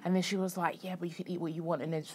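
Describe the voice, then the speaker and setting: A woman's voice: fairly low pitch, rapid-fire. A woman with a British accent co-hosting a casual chat, telling stories and acting out quotes. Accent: British English. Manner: animated storyteller, acts out quotes. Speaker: podcast co-host. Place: recording studio.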